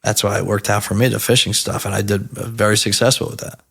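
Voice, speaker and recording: A man in his thirties from New Jersey, telling stories as a podcast guest in a casual, animated and profane way. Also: lowish voice, fast, creaky, breathy edge.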